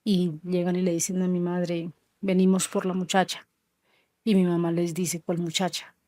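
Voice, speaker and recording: Woman, 30s, from Colombia, interview guest; dark, even delivery, slow and halting, dry close sound. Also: on the low side, no room sound. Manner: slow, halting storytelling with soft trailing lines. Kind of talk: emotional personal testimony.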